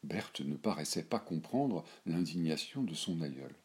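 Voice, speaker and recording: A man narrating a literary story in a measured, quiet way. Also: a bass voice, expressive.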